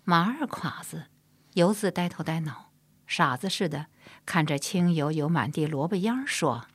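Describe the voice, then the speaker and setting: A woman narrating a historical novel in a measured, soft-spoken storytelling style. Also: low-pitched, animated, husky, dry recording. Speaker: audiobook narrator.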